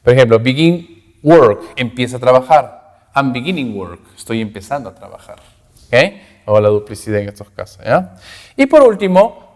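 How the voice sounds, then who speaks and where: A man gives a grammar lesson in at an ordinary middle pitch. He breaks each rule into small steps and keeps asking his students if they follow. His voice carries a long reverb, as if recorded in a large hall. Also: a little mellow. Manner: explains step by step with frequent "¿ok?" and "¿no?" checks. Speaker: English teacher.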